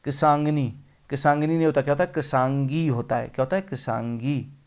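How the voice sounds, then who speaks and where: A man's voice: medium pitch, steady tone, fairly quick. A male teacher running an exam-prep spelling lesson, repeating each word and quizzing the viewer.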